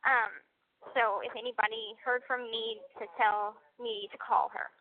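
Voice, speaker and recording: A woman talks on a prison phone, her high voice squeezed through a thin, tinny line. She chats casually with frequent ums, telling stories to the person on the other end. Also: flat delivery, a little slow. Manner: chatty, storytelling, frequent ums. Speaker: inmate calling from prison.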